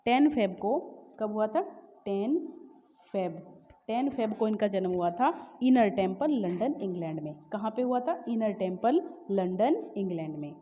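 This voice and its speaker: A woman teacher with an Indian English accent, explaining exam questions in Hindi mixed with English, reading each question out slowly and often stopping to correct herself. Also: mid-range voice, lively intonation, big-room sound, lo-fi sound. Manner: many fillers and self-corrections. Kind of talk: exam-prep lecture.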